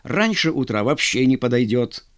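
A man's voice: mid-range voice, animated, normal speed, dry recording, lightly acted. A nervous, impatient army colonel, voiced by a male narrator, sighing and fretting between urgent orders. The reading is dry and close, like a storybook read aloud.

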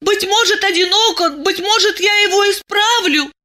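A woman's voice: extremely high pitch, normal speed, pushed and bright, shouting, voice pushed up. A woman voicing a lovestruck, emotional young woman who talks fervently and pleadingly in an audiobook. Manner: fervent, pleading, tearful at times. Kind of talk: audiobook character voice.

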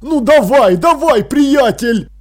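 A man voicing an excitable, bossy old mummy king who talks in loud, eager exclamations, in an audiobook. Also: very high voice, slow, voice pushed up, full character voice.

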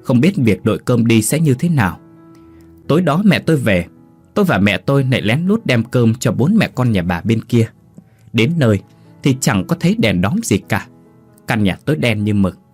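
A man reading a ghost story aloud in an expressive storytelling manner. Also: mid-range voice, moderate pace, slightly rough, faint music behind. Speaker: narrator. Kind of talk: scripted ghost story narration.

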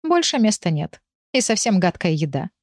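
A woman doing a blunt, sharp-tongued female pet. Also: fairly low pitch, big pitch swings, normal speed, no echo, clean studio sound. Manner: snorting, blunt.

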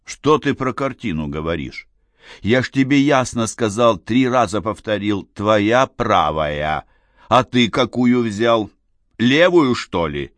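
A man's voice: fairly low pitch, big pitch swings, slow, no echo. A man doing a whiny, hungover drunk. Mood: groaning. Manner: moaning, complaining. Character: hungover male small-time drunk, whiny. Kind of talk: audiobook character voice.

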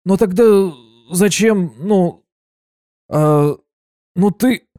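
A man's voice: fairly high pitch, lively intonation, moderate pace, mellow, no echo, voice pushed up, lightly acted. Brief: a man doing a jittery young unicorn clerk, stammering, voice a little raised, dry sound. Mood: flustered. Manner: flustered, stammering.

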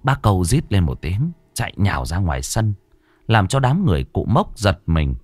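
A man's voice: low voice, very animated, moderate pace, a little mellow, a little hiss or hum. A man narrating a horror story in a dramatic, suspenseful way.

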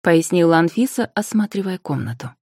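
A woman reading fantasy narration for an audiobook in an even, measured storytelling manner, close to the studio mic. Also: lowish voice, husky, no echo.

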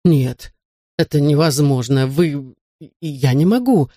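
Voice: medium pitch, lively intonation, slow, mellow, dry recording, clean studio sound. A narrator voicing a timid, flustered schoolmaster who is secretly a wizard, nervous and pleading, in a storybook reading. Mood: horrified. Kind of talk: audiobook character voice.

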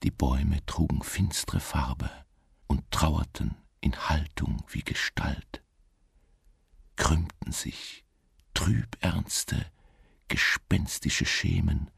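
A solitary, dreamy man wanders through a gothic radio play, recounting a melancholy tale in slow literary narration. His extremely low, gravelly voice is husky, hushed and exaggerated, brooding deliberately over every phrase in a close, dry recording with no room sound, in a somber mood.

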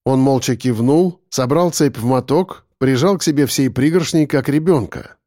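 A man narrating a first-person story as an audiobook, in an expressive, dramatic reading. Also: mid-range voice, moderate pace, dry recording, clean studio sound.

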